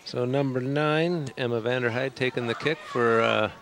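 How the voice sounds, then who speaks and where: A man's voice: medium pitch, normal speed. A middle-aged man giving casual, chatty, descriptive live soccer commentary outdoors. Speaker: soccer announcer. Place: outdoors at an evening soccer field. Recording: outdoor recording with crowd and noise.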